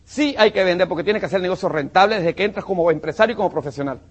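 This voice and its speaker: Guy from panama pumping up a sales crowd, high husky voice, big emphatic swings. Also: very fast. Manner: punchy and emphatic, calls listeners "campeón" and "mi hermano". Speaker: motivational business speaker. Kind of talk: motivational talk to a live audience.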